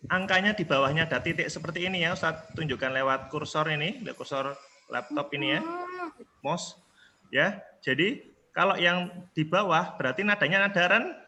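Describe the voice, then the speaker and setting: A male primary school teacher with an Indonesian accent runs an online class over a laptop video call, patiently coaxing answers and singing the scale notes. His voice is on the high side, bright and forceful, at a moderate pace with long pauses.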